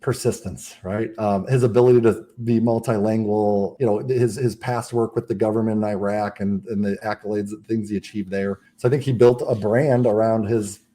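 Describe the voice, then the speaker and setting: A man's voice: on the low side, fairly even intonation, warm tone. A man who is a podcast guest, telling his own life story in casual talk, earnest and full of restarts. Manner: earnest, rapid, with frequent restarts.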